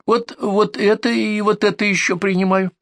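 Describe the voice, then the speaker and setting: A man voicing a frail elderly woman patient with a creaky, quavering voice, recorded dry. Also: sits high, fairly even intonation, normal speed, fairly bright tone, no room sound, pitched above the performer's own voice. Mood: fretful.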